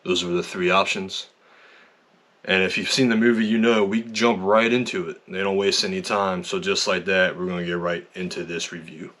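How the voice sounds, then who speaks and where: A man with a low voice gives a casual spoken film review. He rambles conversationally with plenty of ums, now and then jumping up in energy. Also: moderate pace, background noise. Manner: conversational, lots of fillers, animated. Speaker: movie reviewer.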